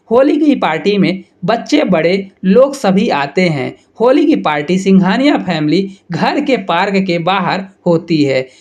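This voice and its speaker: High-voiced male storyteller. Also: darkish tone. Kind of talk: scripted story narration.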